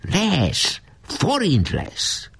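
A man's voice: on the high side, wildly swooping pitch, creaky, fairly bright tone, husky, pitched above the performer's own voice, exaggerated voice. A man voicing a scheming teenage boy who talks in a wheedling way.

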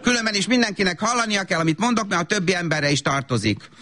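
A self-absorbed young mother, played by a man, whose voice sits high and swoops widely. She slides between gushing baby talk and shrill scolding. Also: animated, pushed and bright. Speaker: comedian. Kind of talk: comedy sketch monologue.

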